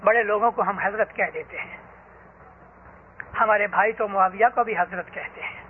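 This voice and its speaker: A man preaching a sermon, telling stories and rising emphatically on his key points. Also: high voice. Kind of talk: religious sermon. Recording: tinny phone-like lo-fi recording with faint hiss.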